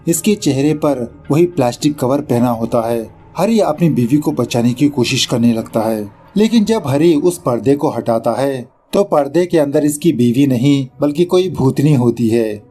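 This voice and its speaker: A man narrates a film recap in a casual voice-over, weaving English words into his story and mocking the director along the way. His mid-range voice is mellow with lively intonation, moving at normal speed with few pauses over a little hiss or hum.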